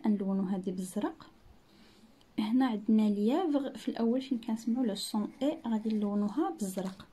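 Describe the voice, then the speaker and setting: A woman's voice: fairly high pitch, mellow, slightly rough. Patient woman teacher with Moroccan accent. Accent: Moroccan Arabic. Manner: patient, repeats words, sounds out French syllables slowly. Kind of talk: classroom-style lesson narration.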